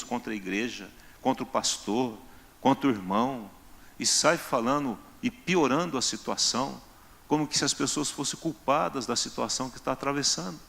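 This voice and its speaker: A man's voice: medium pitch, a bit bright. A male pastor, preaching in a conversational way and acting out everyday scenes. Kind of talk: sermon. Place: church.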